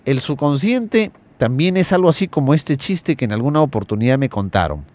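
A man hosting a motivational radio talk, earnestly addressing listeners and slowly listing words. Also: medium pitch, expressive, a little mellow. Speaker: radio host.

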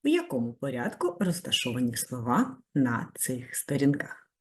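A female primary school teacher giving a video lesson to children, praising warmly and giving step-by-step tasks. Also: normal speed. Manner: very lively pitch, rising high on praise.

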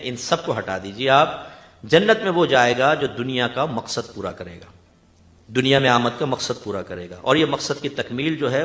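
A man from Pakistan giving an animated religious lecture, full of rhetorical questions and teasing asides. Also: mid-range voice, reverberant. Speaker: Islamic scholar giving a talk.

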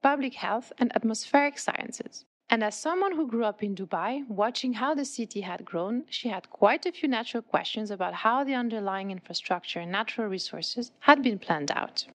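A woman hosting a podcast, reading a smooth, scripted introduction of the guest. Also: fairly high pitch, lively intonation, moderate pace, few pauses. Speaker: podcast host narrator. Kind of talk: scripted narration.

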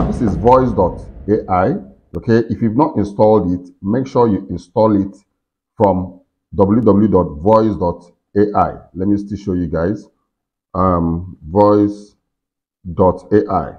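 Guiding both himself and his audience, a low-voiced man in his forties casually explains a software tutorial one on-screen step at a time. The slightly dull, lo-fi recording was made inside a furnished room.

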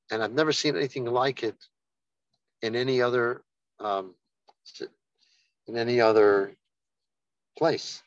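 A man giving a rabbi's holiday message, telling a story in an unhurried way and lifting his voice for the people he quotes. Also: medium pitch, no room sound, highs cut off. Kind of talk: sermon with storytelling.

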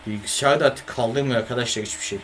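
A man's voice: mid-range voice, fast talker, a bit bright, slight background noise. Man grumbling through a live gaming stream. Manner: swears and grumbles at the computer, talks to chat. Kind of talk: casual live-stream chat.

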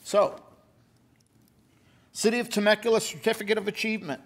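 A man serving as mayor at a city council meeting, reading a certificate aloud at a podium microphone in a genial way, with quick reading and frequent fillers. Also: high voice, a bit bright. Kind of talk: reading a certificate at a civic ceremony.

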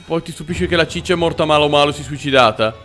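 Male Italian horror gamer, high-ish voice, nervous swearing commentary, light music bed. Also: fast, fairly bright tone. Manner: swearing, panicky yelps at jumpscares, talks to the character. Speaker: gaming YouTuber. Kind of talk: horror game let's play commentary.

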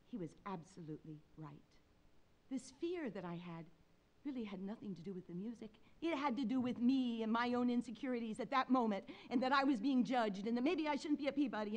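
A woman gives a talk from a stage, telling a personal story with dramatic, animated delivery. Her voice sits a little high, and its pitch swings widely from phrase to phrase. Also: a little fast. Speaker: speaker, concert pianist. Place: stage talk before an audience.

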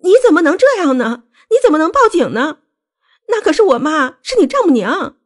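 A woman voicing a hysterical young wife who shouts and accuses in a shrill, tearful voice. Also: very animated, brisk. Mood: shrill hysteria.

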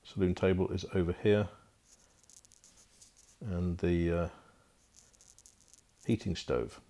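Gravelly low-voiced man touring a boat. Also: fairly even intonation, slow, dark tone. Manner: casual, unscripted, frequent "uh" fillers. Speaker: boat broker. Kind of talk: walkthrough tour narration. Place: inside a wooden barge cabin.

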